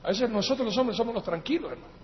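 High-voiced Latin American preacher in an echoey hall. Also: male voice, animated, rapid-fire. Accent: Latin American Spanish. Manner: emphatic preaching that swings between loud outbursts and quiet asides; addresses listeners as brothers. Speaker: pastor. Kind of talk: sermon. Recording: echoey hall, dull lo-fi sound, faint noise.

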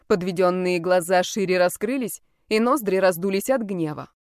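A woman reading a first-person audiobook with an even, expressive delivery. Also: on the low side, normal speed, dry recording, clean studio sound. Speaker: audiobook narrator.

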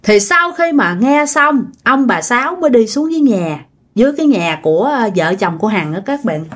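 Lady telling ghost stories, chatty, talks right to the listeners, kinda high voice. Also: lively intonation, a little fast. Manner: chatty, addresses listeners directly. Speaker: ghost-story channel host. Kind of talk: casual spoken storytelling.

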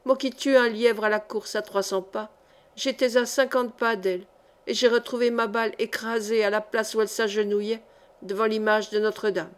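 A woman's voice: fairly high pitch, fairly even intonation, normal speed, natural voice. A woman reading an audiobook, voicing a proud, feverish male brigand chief who speaks in fierce, broken bursts. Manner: fierce, broken, vehement speech.

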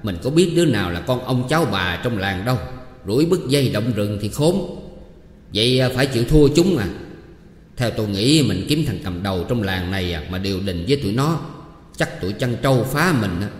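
Man playing a level-headed troupe advisor, measured and persuasive, hall reverb. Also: medium pitch, animated, natural voice. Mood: reasoning. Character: calm, shrewd male troupe advisor.

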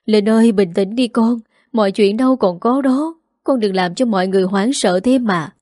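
A woman voicing an older mother who gently coaxes her distressed daughter. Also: medium pitch, moderate pace, no room sound, clean studio sound, natural voice. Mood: comforting. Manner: gentle, coaxing.

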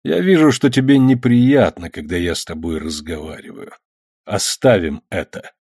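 A man's voice: deep voice, expressive, moderate pace, husky, no room sound, studio quality, voice pushed down, full character voice. A man reading a stern, ironic father. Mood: gentle. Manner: sarcastic, then soft and tender. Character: stern ironic middle-aged father, a painter.

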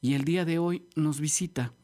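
A Mexican man hosting a relaxed radio chat from a studio, talking in a rambling way with many fillers and restarts. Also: a little high, normal speed. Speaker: radio host. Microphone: studio microphone.

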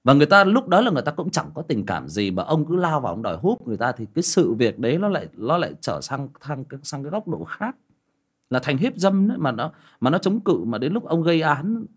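A man's voice: on the high side, fairly quick, slightly rough. A man telling a personal story in casual talk, acting out both sides of a conversation. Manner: acts out both sides of a conversation, rising sharply when excited. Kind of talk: casual spoken storytelling to listeners.

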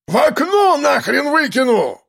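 A man voicing a desperate shouting criminal. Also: high-pitched, sing-song, measured pace, creaky, pitched above the performer's own voice, full character voice. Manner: shouting threats. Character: desperate armed male criminal, snarling, nervous.

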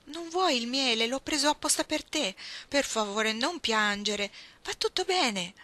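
A woman's voice: sits high, lively intonation, measured pace, pushed and bright, no room sound, pitched above the performer's own voice, full character voice. A woman reading aloud, voicing a bold, mischievous tomboyish young woman who coaxes and pleads dramatically. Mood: coaxing.

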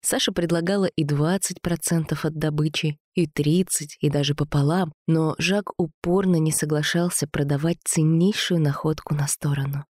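Low-voiced woman narrating a story. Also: steady tone, moderate pace, few pauses, darkish tone, no room sound, studio quality. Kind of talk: audiobook narration.

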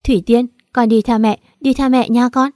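A woman's voice: a little high, fairly even intonation, normal speed, warm tone, no echo, clean studio sound, close to an everyday voice. A woman playing a sobbing, deceitful mother. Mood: manipulative. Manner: sobbing, melodramatic pleading.

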